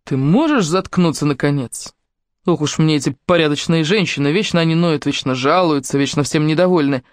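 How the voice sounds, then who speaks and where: A woman's voice: deep voice, a little fast, no room sound, clean studio sound, lightly acted. A woman voicing an abusive middle-aged stepfather in an audiobook, speaking in a sweet, wheedling voice that turns threatening. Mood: menacing. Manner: wheedling, honeyed voice turning to threatening shouts.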